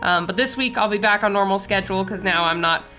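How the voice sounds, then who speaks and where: A young woman chats while drawing on her casual art channel, her voice slightly nasal and congested from a cold. She speaks fast at a medium pitch, in a pushed, bright way, with soft music in the background. Her talk is chatty and rambling, like a fan gushing.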